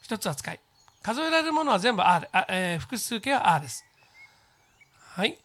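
A teacher explaining grammar step by step, pausing on fillers as they go. English model phrases come out slowly and clearly so students can repeat them. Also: medium pitch, big pitch swings, fairly bright tone. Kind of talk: recorded English grammar lesson for junior high students.

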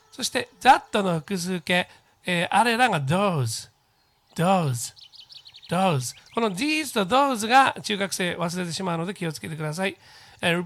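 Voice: medium pitch, fairly bright tone. Patient teacher drilling English phrases. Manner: slow, drawn-out English model phrases for students to repeat; patient step-by-step explaining with many fillers. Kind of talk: recorded English grammar lesson for junior high students.

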